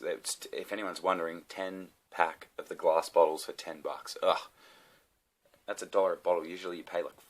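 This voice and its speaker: A young Australian man ranting casually and profanely to camera, rambling through sardonic asides. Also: sits low. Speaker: comedian vlogger.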